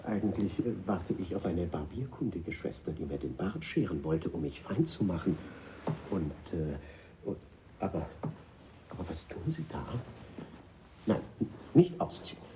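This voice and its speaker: An actor playing a chaste, panicky old ex-friar who stammers and sounds stuffed up from a cold. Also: male voice, low-pitched, big pitch swings, moderate pace, long pauses, background noise. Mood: flustered. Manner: stammering, flustered, breathless outbursts.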